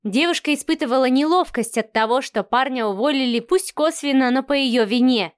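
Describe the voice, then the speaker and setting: A woman narrating an audiobook in a lively storytelling way. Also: high-pitched, a little fast, dry recording, clean studio sound.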